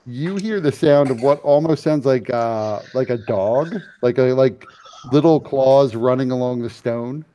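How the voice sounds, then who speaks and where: A man running a tabletop game as game master, describing scenes haltingly with many fillers. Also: mid-range voice, dark tone, lo-fi sound. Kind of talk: narrating a tabletop game over voice chat.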